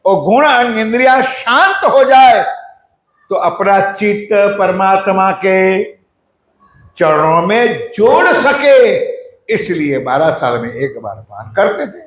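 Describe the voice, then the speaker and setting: A man delivers a devotional sermon in a high voice. He asks his listeners questions directly and slows down to chant mantras. The sound rings around an echoey hall. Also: lively intonation, fairly bright tone. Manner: addresses the audience directly with questions. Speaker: preacher. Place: ashram hall.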